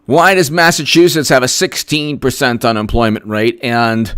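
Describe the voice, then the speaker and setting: A man's voice: medium pitch, steady tone, moderate pace, fairly bright tone, smooth, no room sound, clean studio sound. A man hosting a political commentary livestream, sarcastic and emphatic as he rattles off statistics and thanks viewers for their messages. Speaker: host.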